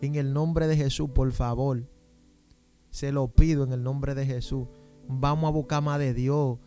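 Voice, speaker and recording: A man delivers a fervent Pentecostal-style sermon, pleading and constantly exclaiming "gloria a Dios" and "aleluya" between phrases. His mid-range, warm voice keeps fairly even intonation at a measured pace, with soft music in the background.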